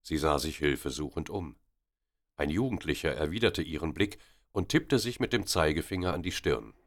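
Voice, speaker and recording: Low-voiced guy reading a story out loud, super animated delivery. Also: normal speed. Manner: expressive, dramatic storytelling. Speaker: narrator.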